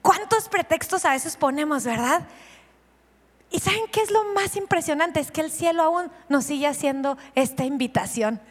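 A woman's voice: sits high, normal speed, big-room sound. A woman pastor preaching a sermon, asking the congregation questions and acting out the scenes she tells. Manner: lively, asks the congregation questions and acts out scenes.

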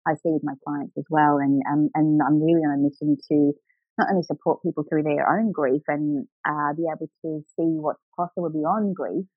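A woman's voice: low-pitched, fairly even intonation, normal speed, no echo, narrow, tinny audio, soft background music. A middle-aged woman telling her own story as an interview guest, earnest and reflective. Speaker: guest, grief recovery coach.

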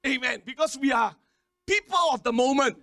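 A man preaching a sermon, repeating words in quick stammering runs and calling on the congregation to respond. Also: very high-pitched, fairly bright tone, dry recording, studio quality. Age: 50s. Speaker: pastor.

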